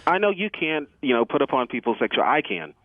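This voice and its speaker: A man's voice: mid-range voice, very animated, dry recording. A man calling into a radio show, talking casually and provocatively with mock outrage. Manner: provocative, mock-outraged, quick to put on voices. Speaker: caller. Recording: tinny phone line, dry.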